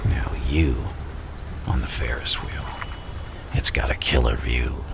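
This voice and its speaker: A man playing the Joker as a theatrical, menacing madman, philosophizing in a gravelly, often whispered ASMR roleplay delivery. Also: very deep voice, steady tone, noisy background, exaggerated voice. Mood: conspiratorial, sinister. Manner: theatrical, drawn-out, conspiratorial. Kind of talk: ASMR roleplay villain monologue. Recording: music playing behind the voice.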